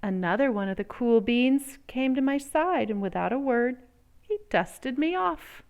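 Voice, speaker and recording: A woman with a voice on the high side reads a children's picture book aloud, expressive and theatrical, drawing out words and pausing for emphasis.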